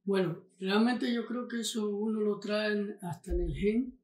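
Older man, guest in a casual interview; unhurried, halting delivery, room echo on the voice. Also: high-pitched, fairly even intonation, a little mellow. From Honduras. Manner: halting, with many fillers and restarts. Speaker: podcast guest.

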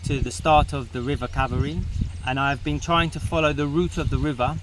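A man in his thirties, a foreign walker on a long trek, talking in a casual roadside interview outdoors, halting with many fillers. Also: mid-range voice, fairly even intonation, noisy background. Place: outdoors on a rural road.

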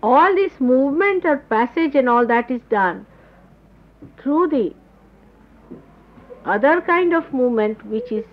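Woman spiritual teacher, explanatory and unhurried, heard on a lo-fi old tape. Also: sits high, animated. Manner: explanatory, gropes for words with pauses. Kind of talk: spoken spiritual talk to followers. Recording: dull lo-fi 1979 tape recording.

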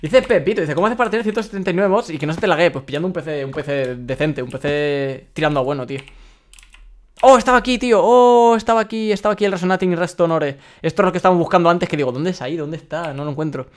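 A young man with a Spain Spanish accent streaming a game live and reading chat aloud, excitable, laughing often and stumbling over his words. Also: a little high, racing, hardly any pauses.

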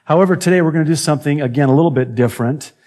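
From a church pulpit, a pastor in his forties whose native language is Arabic preaches a sermon into a gooseneck mic. His voice sits a little high with a darkish tone, and his phrasing is measured and emphatic.

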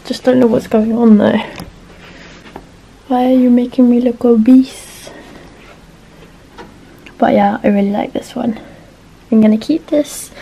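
A young British woman talks casually to her camera at home, rambling and poking fun at herself. Her voice is warm and mellow with a lot of vocal fry. She keeps filling pauses with "um" and "but yeah". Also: fairly high pitch, low-quality recording. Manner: chatty, self-mocking, trails off with "um" and "but yeah". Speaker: vlogger showing a clothing haul. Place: at home trying on clothes in front of a mirror.

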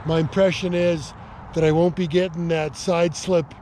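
A man's voice: on the high side, a little hiss or hum, low-quality recording. A middle-aged man casually showing off a homemade build outdoors on a frozen lake, talking into a nearby action camera with lots of fillers and restarts. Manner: relaxed, halting, many fillers and restarts. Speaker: DIY vlogger. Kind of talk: casual show-and-tell vlog. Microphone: action camera held close or mounted nearby.

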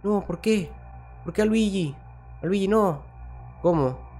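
Mexican guy playing a scary game, kinda high voice, swears and yells a lot, faint game music behind. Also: measured pace. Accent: Mexican Spanish. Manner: jumpy, swears a lot, yells and laughs when startled. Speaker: gaming YouTuber. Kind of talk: horror game let's play commentary.

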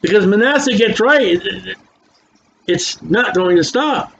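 With a high-pitched, expressive voice, an older preacher reads scripture aloud at a slow pace and adds emphatic, down-home commentary between verses. Whistling s sounds come through his dentures, and the lo-fi recording is dull with faint noise.

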